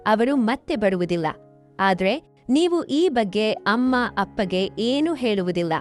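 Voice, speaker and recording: A woman voicing a sly, sulky teenage younger brother in a read-aloud story, in a plain, even reading with faint music behind. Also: mid-range voice, measured pace, close to an everyday voice.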